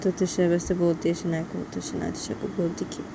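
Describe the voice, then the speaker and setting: A woman's voice: lowish voice, expressive, fairly quick, vocal fry, very noisy. A woman narrating a romance story in a plain, repetitive spoken manner.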